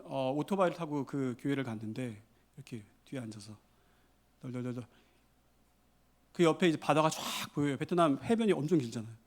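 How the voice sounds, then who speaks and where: A man missionary preaching a Sunday sermon in a church, telling stories and building to emphatic exhortations. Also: a little high. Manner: storytelling, with rising emphatic exhortations. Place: church sanctuary.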